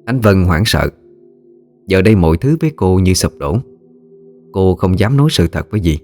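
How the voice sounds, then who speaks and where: A man narrating a ghost story audiobook in a steady, grave way. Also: deep voice, normal speed, soft background music.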